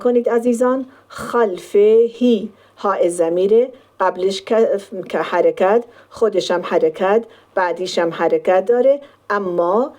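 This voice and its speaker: Woman teaching Quran recitation, mellow voice. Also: medium pitch. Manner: explains step by step, stretches sample words slowly. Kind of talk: Quran tajweed lesson.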